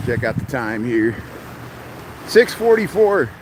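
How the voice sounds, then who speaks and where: A man's voice: medium pitch, big pitch swings, takes it slowly. A man with a laid-back, stoner-like voice and laugh, rambling casually as he livestreams while walking outdoors. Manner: rambling stream of consciousness. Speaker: live streamer. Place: outdoors on a city lakefront, walking. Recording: windy outdoor noise, waves. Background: wind and lake waves.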